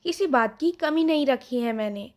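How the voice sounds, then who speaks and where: A woman's voice: high-pitched, expressive, normal speed. A woman doing a stern scolding father. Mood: angry. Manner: scolding, commanding. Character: stern rich father, angry and controlling.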